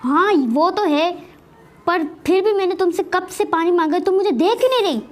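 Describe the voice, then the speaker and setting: A woman's voice: very high-pitched, lively intonation, normal speed. A woman voicing an impatient, angry young husband who scolds and complains in a game role-play. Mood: scolding.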